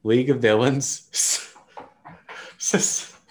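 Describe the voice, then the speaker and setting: Slow, low-voiced man reading quiz options. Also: lively intonation, a bit bright, slight background noise. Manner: reads out quiz options in long lists, laughing. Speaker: podcast co-host. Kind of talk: casual podcast chat.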